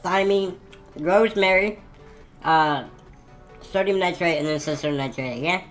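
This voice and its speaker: A woman's voice: lowish voice, a little slow, faint music behind. A woman chatting casually in a food tasting vlog, talking with her mouth full while chewing. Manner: chatty, laughs easily. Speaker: vlogger.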